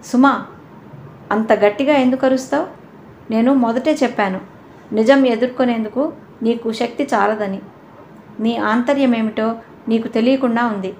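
A woman's voice: on the high side, normal speed, pauses often, darkish tone, a little hiss or hum, close to an everyday voice. A woman reading an audio novel voices a frank young woman who lectures her friend bluntly. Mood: firm.

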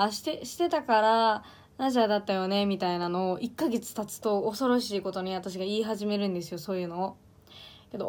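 Young woman w/ iyo dialect chatting on a stream, laughs a lot, trips over her words. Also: mid-range voice. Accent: Iyo dialect of Ehime, Japan. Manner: chatty, laughs often, stumbles and restarts words. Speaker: idol livestreamer. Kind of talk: casual livestream chat reading comments.

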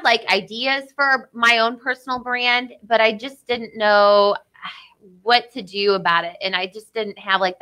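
Bright, giggly young woman. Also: medium pitch. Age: young adult. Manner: giggly, chatty, uses fillers. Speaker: guest. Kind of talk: casual radio interview. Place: radio studio. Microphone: studio microphone.

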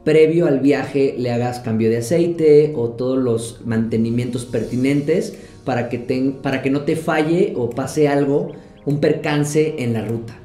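A young man shares road trip advice in a relaxed, friendly way from his couch. His voice is warm and mellow. The room has some echo, with soft music behind him. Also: medium pitch, unhurried. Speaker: travel vlogger. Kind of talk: casual advice to camera. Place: living room, indoors.

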